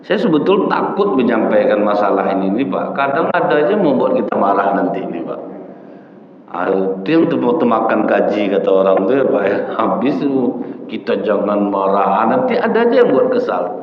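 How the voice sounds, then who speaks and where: A man preaches in a lively storytelling way, dropping frequent asides to the men and women listening. His voice rings around a large hall with a long reverb tail. The recording sounds dull and lo-fi. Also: on the low side, moderate pace, a little hiss or hum. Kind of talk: sermon.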